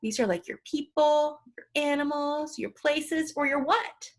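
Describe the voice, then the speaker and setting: A woman's voice: high-pitched, unhurried. A woman teacher talking through a home-learning lesson video in an upbeat, playful, encouraging way.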